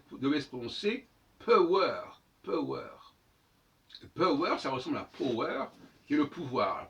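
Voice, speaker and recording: A man lectures in a lively, rising-and-falling voice, sounding out each word several times. He is caught by a mic set a fair distance off, and the audio is dull and muffled. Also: medium pitch. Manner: didactic, repeats words to sound them out. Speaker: lecturer on language and astrology. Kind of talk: spoken monologue lesson.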